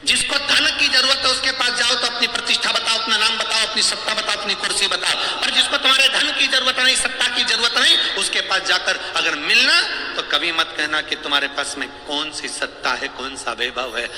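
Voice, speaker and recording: A man delivers a devotional sermon in a bright, piercing voice pitched a little high, spinning a comic tale and slipping into each character's voice. He is recorded in a big, resonant hall with a long reverb tail and faint ambience behind him. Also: a little fast, hardly any pauses, slight background noise. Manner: lively storytelling, acting out characters' voices; humorous, teasing asides. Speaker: religious storyteller preacher.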